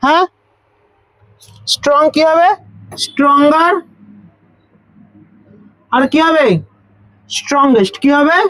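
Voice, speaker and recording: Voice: high-pitched, steady tone, takes it slowly, pauses often, a bit bright, no echo, rough recording. A tutor with a Bengali accent teaching grammar to school students, asking questions, repeating the answers and spelling words out letter by letter.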